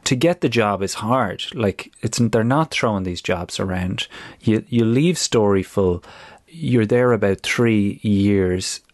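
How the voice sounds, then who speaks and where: A man's voice: lowish voice, expressive, slow pace, darkish tone, no room sound, studio quality. A man, hosting a conversational interview. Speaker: interviewer, host.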